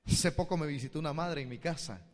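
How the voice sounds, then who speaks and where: Pastor preaching in a reverberant hall. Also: male voice, a little high, quick pace. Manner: addresses the congregation directly with rhetorical questions. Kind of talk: sermon. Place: church hall.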